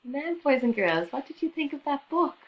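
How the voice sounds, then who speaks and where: A woman reading a rhyming picture book aloud to children in an expressive, sing-song teacher's way. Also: sits high, normal speed, muffled recording.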